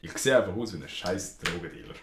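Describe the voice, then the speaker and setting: A young man with a Swiss German accent, co-hosting a podcast and telling a story in slangy, animated casual chat. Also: sits low, quick pace, vocal fry, background noise. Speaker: podcast co-host. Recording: echoey room.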